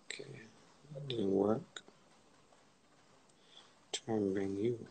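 Low-ish guy on his phone live, loose rambly chat, lotta fillers. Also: slow pace, rough recording. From Barbados. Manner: relaxed, rambling, many fillers and restarts. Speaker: Instagram live host. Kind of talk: casual live-stream chat.

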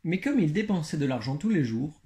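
A man reads a fairy tale aloud in a steady storytelling manner. His voice is somewhat high for a man, with a gravelly fry running through it. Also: fairly quick. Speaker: reader.

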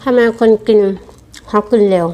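A woman's voice: normal speed, warm tone. A woman doing a casual mukbang eating show, chatting to viewers between bites with chewing and savouring hums.

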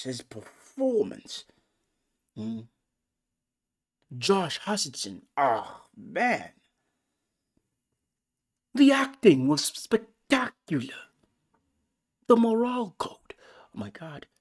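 A man giving a casual, excitable movie review, full of profanity and swinging between loud outbursts and hushed whispers. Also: medium pitch.

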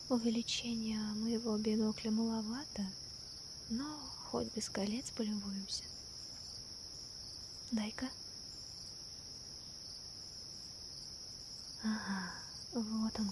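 A woman in an ASMR role-play as a gentle, wonder-struck girlfriend stargazing at night, soft-spoken softly right into the listener's ear. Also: a little high. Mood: soft, playful. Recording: night crickets, insects and clear ambient noise. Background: crickets and night insects.

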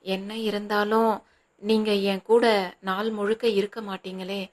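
Frightened young wife, read by a woman, anxious and pleading, flat audiobook read. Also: mid-range voice, measured pace, close to an everyday voice. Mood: fearful.

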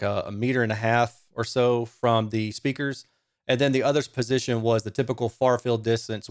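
An audio reviewer and presenter with a medium-pitched voice walks through technical material in a semi-scripted explainer. He records in a small home studio room, with the microphone on a stand close in front of him.

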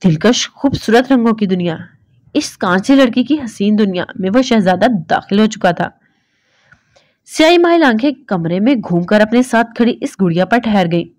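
A woman reading a romance novel aloud in a steady storytelling voice. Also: medium pitch, normal speed, no room sound. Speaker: narrator.

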